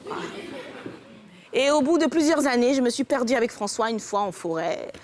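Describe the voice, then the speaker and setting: Brief: high-voiced woman comedian from Côte d'Ivoire, animated stand-up storytelling. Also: a little fast.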